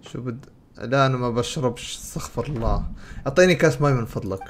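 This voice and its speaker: Sitting indoors at a computer, a young adult gaming streamer with a Levantine Arabic accent casually narrates a playthrough, commenting and retelling dialogue. His mid-range voice moves quickly, with a little hiss or hum on the recording.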